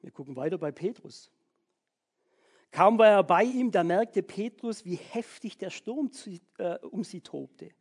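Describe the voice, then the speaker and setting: A young man preaching a lively sermon, telling stories and often checking in with listeners. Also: a little slow, husky. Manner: animated, asks listeners for agreement with a repeated "ja?"; storytelling, jumps between high excited and low quiet delivery. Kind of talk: lively sermon with acted-out inner voices.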